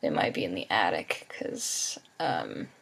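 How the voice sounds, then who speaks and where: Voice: low voice, very animated, measured pace, creaky, a bit bright, slightly rough. A tired young adult vlogger rambling casually, with lots of ums and offhand swearing. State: sleepy and tired.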